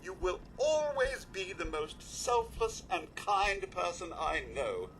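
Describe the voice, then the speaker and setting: A man's voice: high-pitched, very animated, takes it slowly, fairly bright tone, slight background noise, heavily acted, rough recording. A man voicing a polite, devoted robot butler who speaks formally and deferentially, calling the listener sir, in video game companion dialogue.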